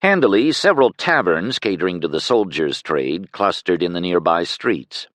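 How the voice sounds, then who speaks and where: A man narrating a fantasy audiobook in an expressive storytelling manner. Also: moderate pace, no echo. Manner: expressive storytelling with lively pitch swings.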